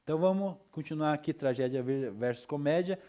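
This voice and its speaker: A man's voice: a little high, fairly quick, warm tone. A male teacher lecturing his class in a loose, chatty way, with frequent tag questions and checks for understanding.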